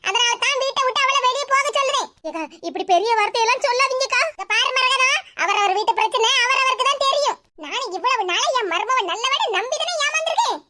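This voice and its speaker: Woman, very high bright voice, rapid scolding comic drama delivery. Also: expressive, very noisy. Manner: scolding, rapid village Tamil talk. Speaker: actor voicing several village women. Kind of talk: comic family drama dialogue.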